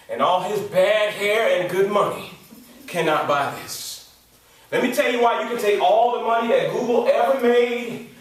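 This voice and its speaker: A man in his forties from Detroit with an American accent, telling a lively story as a youth speaker, slangy and repeating words for emphasis. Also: very high voice. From Detroit, USA. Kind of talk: motivational storytelling talk. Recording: echoey hall, distant mic.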